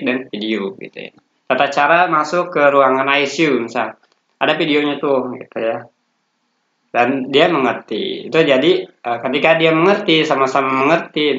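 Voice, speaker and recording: A course instructor with a medium-pitched, slightly bright voice gives a slide-based lecture in a loose, casual style full of fillers and restarts. The sound is roomy, dull and lo-fi.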